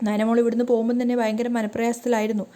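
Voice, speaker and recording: A woman's voice: fairly high pitch, little pitch movement, racing, warm tone, natural voice. Woman reading a wary old father. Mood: calm. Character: cautious older father, gentle but wary.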